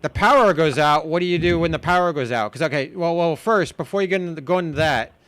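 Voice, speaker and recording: A man's voice: a little high, fast, fairly bright tone, clean tone. A man hosting a casual interview, cutting in often and stammering as he repeats his words. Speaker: vlogger interviewing own mother.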